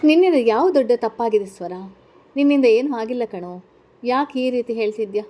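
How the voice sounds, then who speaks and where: A woman's voice: a little high, animated, a little fast, mellow, natural voice. A woman voicing a confident, glamorous young female model student in a read-aloud story, talking in a breezy, assured way. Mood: apologetic. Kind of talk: storybook character reading.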